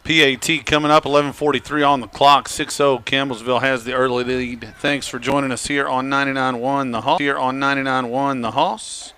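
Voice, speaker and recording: A man with an American accent calling play-by-play for a high school football game on local radio, climbing in pitch and volume on big plays. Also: steady tone, a little fast, hardly any pauses, clear, resonant tone. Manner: rises and gets loud on big plays. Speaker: play-by-play announcer. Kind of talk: radio sports commentary. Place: high school football stadium broadcast booth.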